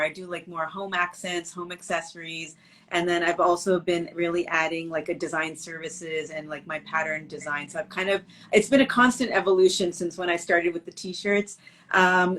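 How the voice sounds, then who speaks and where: A woman's voice: lowish voice, fairly bright tone. A middle-aged woman from Canada, a business owner chatting casually in an interview over a video call, with lots of fillers and restarts.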